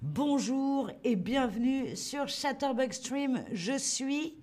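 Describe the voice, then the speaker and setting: A woman leads a live online French lesson, her voice sitting a little high. She talks slowly and clearly, encouraging viewers and greeting them by name as she goes. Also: lively intonation, a little mellow. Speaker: French teacher hosting a livestream.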